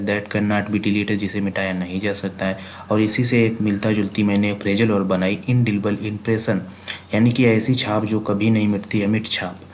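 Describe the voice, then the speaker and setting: Low, flat-voiced Indian man teaching vocabulary. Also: a little hiss or hum. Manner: repetitive, asks and answers his own questions. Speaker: exam prep teacher. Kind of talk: vocabulary lesson, spelling words aloud letter by letter.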